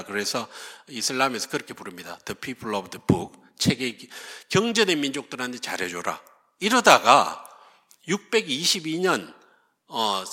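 A man tells history as a lively story, his pitch climbing and dropping freely. His tone is bright and forceful. The voice carries a long reverb, as from a lecture hall. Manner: lively storytelling, acts out quoted speakers.

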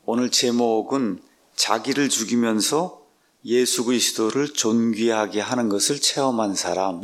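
A pastor who also translates the Bible leads a book study series at an unhurried pace, filling gaps with long, drawn-out sounds. His voice is on the low side and gravelly.

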